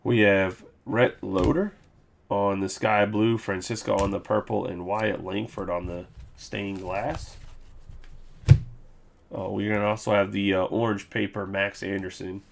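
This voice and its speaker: Gravelly, low-voiced card break host. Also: male voice, level tone, unhurried, slight background noise. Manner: loose, joking, reads off card names. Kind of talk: casual live-stream recap.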